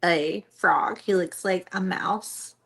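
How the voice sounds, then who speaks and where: A woman's voice: fairly low pitch, slow pace, gravelly, fairly bright tone. A woman co-hosting a book club stream, chatting casually and with amusement about the plot. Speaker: book club podcast co-host. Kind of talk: casual chat.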